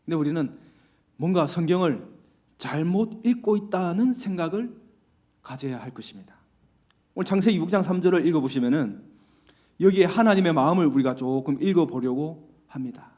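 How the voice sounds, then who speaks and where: A man's voice: on the high side, animated, a little fast, a little mellow. A man preaching a conversational church sermon, full of rhetorical questions and acted-out quotes. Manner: acts out quoted lines in varied voices. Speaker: pastor. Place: church sanctuary.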